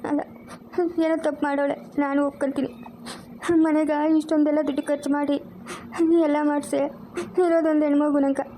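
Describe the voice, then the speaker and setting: A woman playing a grieving older mother in an amateur family drama. She talks in a slow, tearful, pleading way. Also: sits high, monotone, warm tone, a little hiss or hum, lightly acted. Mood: anguished. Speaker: mother Akhilamma.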